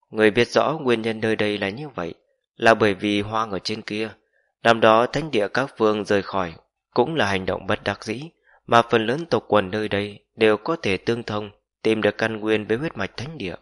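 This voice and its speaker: A man voicing a graceful young female cultivator who speaks with cool, soft reproach. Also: on the low side, no echo, studio quality, lightly acted.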